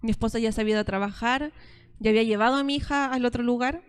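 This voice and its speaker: High-voiced woman pastor preaching. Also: very fast, clean tone. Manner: storytelling, acting out both sides of conversations. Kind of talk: sermon.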